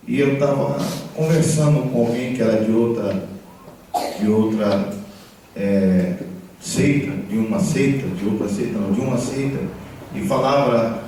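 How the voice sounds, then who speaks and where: Man preaching in an echoey hall. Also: medium pitch. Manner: conversational, repeats tag questions, animated storytelling. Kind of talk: sermon. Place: church hall. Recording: echoey church hall from far off, background noise.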